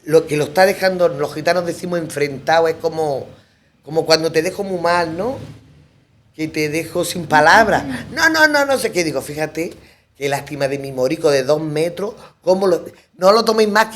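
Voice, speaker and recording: A middle-aged woman speaking as a guest in a round-table radio conversation. She tells her story lively, slipping into the voices of the people she quotes. Her talk rambles, with restarts and repeated words for emphasis. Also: fairly low pitch. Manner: lively storyteller who acts out quoted dialogue.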